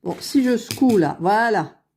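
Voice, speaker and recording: Woman, casual crafting vlogger, slow and mellow, low-ish voice, very close to the phone mic. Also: animated, creaky, slight background noise. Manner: unhurried, thinking aloud while working, self-correcting. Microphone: phone held very close to the face.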